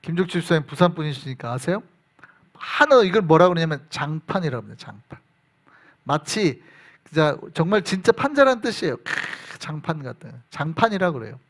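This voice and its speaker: A male pastor delivering a sermon with a high, lively voice that swings widely up and down. He preaches in an animated way, bursting into shouted quotes and dropping to hushed whispers. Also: brisk. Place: church sanctuary.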